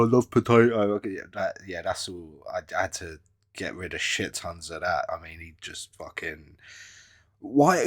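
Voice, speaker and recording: A man doing sarcastic commentary on clips, swearing a lot and mocking what he watches. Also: on the low side. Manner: profane, mocking, lots of swearing. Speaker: commentary host reacting to clips.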